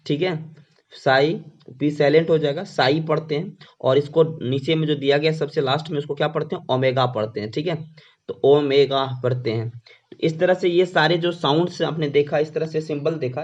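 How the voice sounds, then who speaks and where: Male teacher asking stuff then answering it himself, slow, slightly high voice, muffled audio. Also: a little mellow. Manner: explains slowly, asks questions and answers them himself. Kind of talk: classroom lecture. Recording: dull lo-fi sound.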